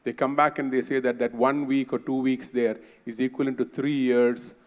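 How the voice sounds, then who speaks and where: Man, panel, matter-of-fact, informative, mid pitch, long reverb. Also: flat delivery, moderate pace. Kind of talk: panel discussion. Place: conference hall.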